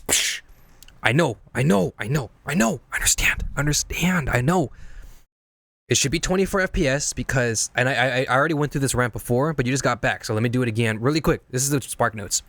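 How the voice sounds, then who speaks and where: A man's voice: medium pitch, fairly quick, vocal fry, fairly bright tone, no room sound. A man streaming, casually teaching video editing while reviewing viewer edits, rambling and repeating himself as he explains things step by step.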